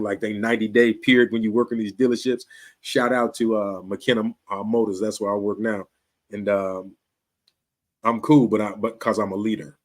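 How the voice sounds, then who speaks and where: Low-voiced streetwise man in his fifties. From Chicago, USA. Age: 50s. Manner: conversational, streetwise, repeats "you dig". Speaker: show host. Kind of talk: casual talk to camera.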